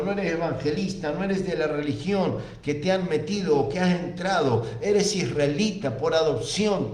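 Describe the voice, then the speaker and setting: A man's voice: on the high side, a little mellow, echoey room. A man with an Argentine accent preaching a sermon, reading scripture aloud and repeating key phrases for emphasis. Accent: Argentine Spanish.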